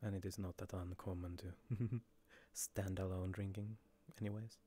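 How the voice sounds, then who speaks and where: A man streaming a virtual-world role-play, chatting in character in a slow, musing way with soft chuckles. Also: sits low, flat delivery, slightly rough. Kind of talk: casual in-character chat.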